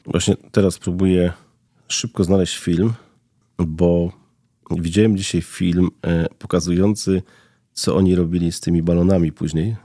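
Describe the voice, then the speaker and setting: Very deep-voiced male co-host. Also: little pitch movement, a little slow, warm tone, no echo. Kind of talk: casual discussion.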